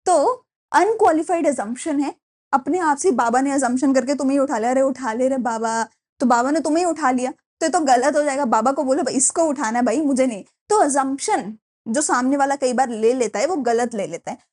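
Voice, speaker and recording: A young woman teaching a class in a lively, chatty way, mixing in English phrases. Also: sits high, normal speed. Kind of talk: classroom lecture.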